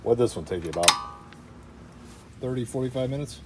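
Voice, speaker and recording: A man's voice: mid-range voice, animated, brisk, very noisy. A man hosting a casual car vlog, chatting upbeat about the cars in his workshop. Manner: upbeat, chatty commentary while showing cars. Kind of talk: casual garage vlog narration.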